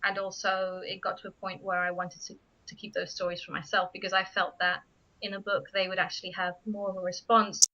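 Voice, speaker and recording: Her voice mid-range and sharp with little pitch movement, a native Spanish-speaking woman from Spain talks briskly about her writing in a radio interview, often breaking off to restart. She's the guest writer, captured on a studio microphone in muffled audio.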